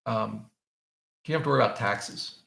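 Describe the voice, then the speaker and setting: A finance channel host answers viewer questions on a live stream, casually explaining his choices and often restarting sentences as he thinks out loud. His voice is lowish, brisk, creaky and a bit bright, with a reverberant sound.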